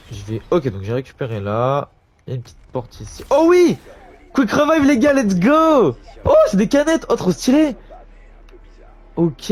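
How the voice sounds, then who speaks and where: A young man chats casually to his viewers while he plays, his voice sitting at an ordinary middle pitch. He talks in slang and often bursts into loud, startled exclamations. Faint game sounds play quietly behind him. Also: slight background noise. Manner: excitable, slangy, talks to viewers, sudden yelps. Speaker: gamer streamer. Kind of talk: casual gameplay commentary.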